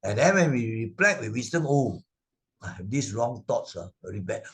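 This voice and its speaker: Over a video call, a Buddhist Sunday school teacher with a Malaysian English accent explains moral stories to children. His mid-range voice swings widely in pitch at a normal speed, and he fills his talk with "uh" and tag questions like "right?" and "isn't it?".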